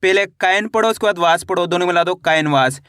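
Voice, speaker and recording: A man teaching children to read, spelling out syllables slowly and asking and answering his own questions. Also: high voice, a bit bright, clear, resonant tone, no room sound, clean studio sound. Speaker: Hindi reading teacher. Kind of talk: spelling-out phonics lesson.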